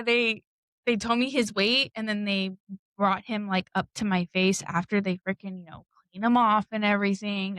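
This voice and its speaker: A woman's voice: medium pitch, fairly bright tone, smooth, no room sound, low-quality recording. A woman co-hosting a podcast, telling a personal story in a candid, blunt way, swearing and laughing often. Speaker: podcast co-host. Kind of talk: casual storytelling.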